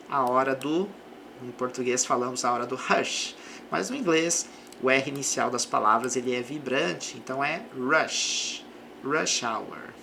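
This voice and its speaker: A male teacher works slowly and carefully through English words and example phrases, repeating them for the learner. His voice is bright and slightly gravelly, with lively pitch movement. A faint hum sits behind him. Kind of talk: pronunciation lesson.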